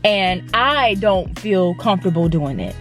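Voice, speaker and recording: A woman's voice: fairly low pitch, expressive, unhurried, faint music behind. A young adult woman, sharing a personal faith story in a casual, conversational way with frequent restarts and fillers. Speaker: actress and faith vlogger.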